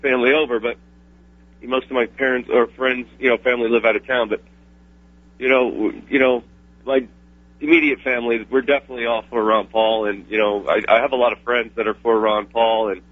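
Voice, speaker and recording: A man's voice: mid-range voice, fairly even intonation, brisk. A man calling into a radio talk show, casual and plainspoken. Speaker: caller. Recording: dull lo-fi radio call audio.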